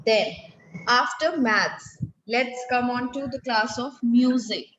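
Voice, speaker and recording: A woman's voice: fairly high pitch, takes it slowly, background noise. A woman teacher giving an online class, patiently saying words for her pupils to repeat. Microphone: laptop mic on a video call. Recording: roomy lo-fi video call audio.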